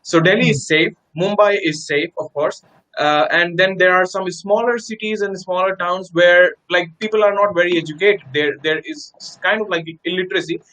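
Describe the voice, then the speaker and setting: A woman speaking as a panel guest, hesitant, repeating words and filling pauses. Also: lowish voice, fairly bright tone, poor audio. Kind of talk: casual panel talk.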